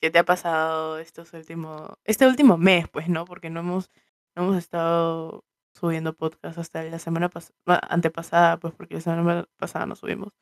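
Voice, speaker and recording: A woman's voice: fairly low pitch, level tone, a little fast, clear, resonant tone, dry recording, clean studio sound. A young woman co-hosting a casual podcast, switching between English and Spanish in a teasing way. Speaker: podcast co-host.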